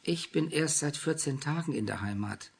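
A man voicing an earnest, self-assured young man who speaks calmly and directly. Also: a little high, moderate pace, creaky, breathy edge, pitched above the performer's own voice, full character voice.

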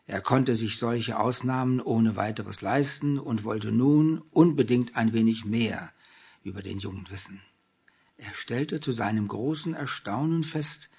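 A man narrating a novel as an audiobook in a measured, unhurried way. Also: mid-range voice, vocal fry, a little mellow, breathy edge.

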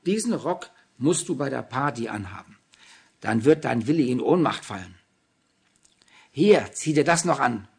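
A man voicing a pushy, excitable young woman, insistent and gushing, with a husky, gravelly voice. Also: medium pitch, normal speed. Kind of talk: audiobook reading.

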